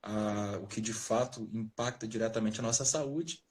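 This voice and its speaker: A man from Rio de Janeiro state, a nutritionist guest, explaining things in a relaxed, jokey way over a video call from his parents' house. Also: lowish voice, normal speed. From Rio de Janeiro state, Brazil. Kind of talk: casual interview talk.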